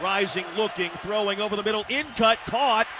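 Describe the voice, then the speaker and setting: A man calling a college football game play-by-play, with clipped calls that build into shouted touchdown calls. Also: high voice, fairly quick. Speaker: play-by-play announcer. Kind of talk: radio play-by-play commentary. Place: football stadium broadcast booth. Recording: loud stadium crowd and noise behind.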